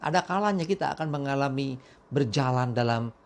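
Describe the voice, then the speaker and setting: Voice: mid-range voice, lively intonation, a little fast. A pastor from Indonesia leading a morning devotion. The pastor prays, reads scripture aloud and preaches in a conversational way, often adding short "ya" asides. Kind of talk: morning devotional sermon with prayer and Bible reading.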